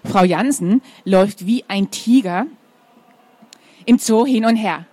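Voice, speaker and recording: A woman's voice: mid-range voice, slow pace, warm tone. A woman reading a children's story aloud, adding informal asides to her young listeners.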